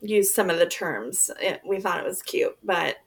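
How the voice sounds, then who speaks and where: A woman's voice: on the low side, normal speed, creaky. A woman in her forties from the southern US, co-hosting a casual chat in an easygoing way and agreeing readily. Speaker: podcast co-host.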